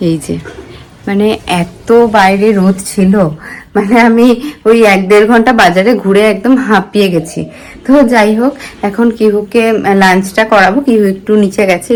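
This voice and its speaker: A woman's voice: mid-range voice, poor audio. A woman, talking casually through her daily routine in a home vlog. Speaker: vlogger.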